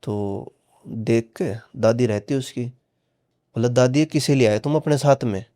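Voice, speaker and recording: Warm and measured, in a mid-range voice, a man narrates a horror story on a podcast in a casual way, acting out exchanges and repeatedly marking them with "he said."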